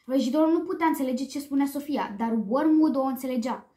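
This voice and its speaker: A woman reads a children's storybook aloud in a lively, expressive way. Her voice sits high for a woman, and the recording has a roomy echo. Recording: echoey room.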